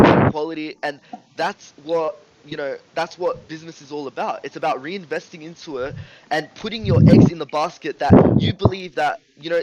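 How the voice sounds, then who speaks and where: A man co-hosting a casual podcast, talking in an animated way, swearing and often asking "right?" and "you know what I mean?". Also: fairly high pitch, a little hiss or hum, rough recording. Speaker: podcast co-host. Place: home room with ring light.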